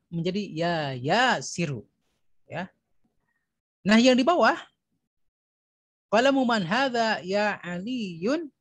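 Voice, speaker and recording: Husky indonesian guy explaining arabic grammar, dry close sound, keeps saying ya. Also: sits high, a bit bright, no room sound, rough recording. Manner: repeats terms, fills with "ya" and "nah". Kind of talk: recorded grammar lesson.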